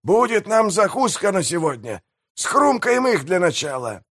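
Рычащий хвастливый пиратский мэр, которого изображает мужчина-чтец, голос заметно выше и с другим тембром. Говорит громко и напористо, как кровожадный главарь из аудиокниги. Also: male voice, high voice, sing-song, measured pace, fairly bright tone, voice pushed up, exaggerated voice. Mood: gleeful commanding. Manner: growling, boastful. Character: blustering bloodthirsty pirate mayor, man.

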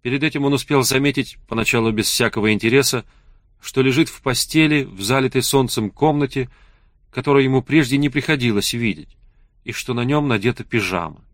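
A man's voice: mid-range voice, brisk, fairly bright tone, no room sound. Man reading an audiobook, dry close sound. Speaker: audiobook narrator. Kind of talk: scripted audiobook narration.

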